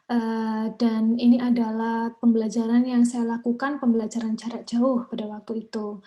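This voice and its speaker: Higher-voiced Indonesian woman presenting. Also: flat delivery, moderate pace, warm tone, muffled recording. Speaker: guest speaker, language teacher. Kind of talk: informal online presentation.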